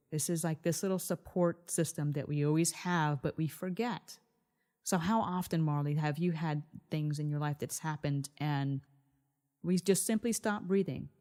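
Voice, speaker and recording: Low-pitched, mellow woman podcast host. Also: measured pace. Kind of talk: conversational wellness talk.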